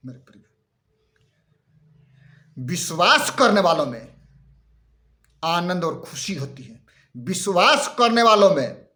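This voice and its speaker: Male preacher, high voice, unhurried delivery, fervent sermon tone. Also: sing-song, sharp tone. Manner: fervent preaching, reads Bible verses aloud. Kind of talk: Hindi Christmas sermon.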